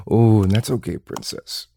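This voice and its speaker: A man speaking an intimate whispered roleplay monologue in a breathy, murmuring delivery with soft sighs. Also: low-pitched, slight background noise. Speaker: erotic audio performer.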